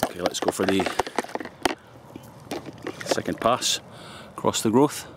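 A man's voice: on the low side, measured pace, very noisy. A Scottish man in his fifties chatting casually to a camera held close while shaving outdoors in a forest, joking and laughing often. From Scotland. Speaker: shaving vlogger. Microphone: camera close up at arm's length.

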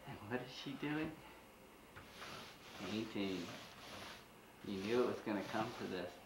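A man's voice: fairly low pitch, lively intonation, measured pace. A man in his thirties giving a chatty, proud running commentary as he films his home renovation on a camcorder. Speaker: father filming home video. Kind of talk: home video narration. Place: house under renovation, indoors. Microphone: camcorder mic. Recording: roomy camcorder tape with hiss.

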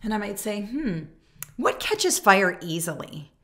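In a sing-song, unhurried mid-range voice with a fairly bright tone, this American teacher and trainer in her forties demonstrates a classroom lesson. She's emphatic and conversational, often checking in with the listener, in a small furnished indoor room.

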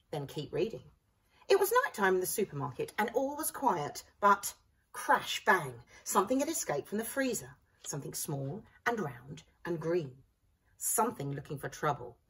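Reading a storybook aloud with dramatic, expressive flair, a woman who works at a primary school speaks in a lowish, husky, animated voice. She sits in a small library corner indoors, recorded by a room camera a few feet off that sounds slightly distant.

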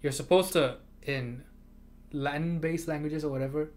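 His pitch is fairly high, his tone steady and a little mellow, his pace moderate. He's a livestream host raised speaking Chinese who came to America from abroad, casually chatting with chat readers while laughing and often repeating himself.

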